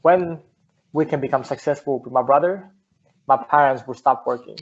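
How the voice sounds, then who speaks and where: Speaking at a moderate pace in a medium-pitched voice, a young Finnish entrepreneur, a native speaker of Finnish, is a guest in a casual interview. He talks earnestly, frequently restarting and repeating words. The recording's high frequencies are cut off.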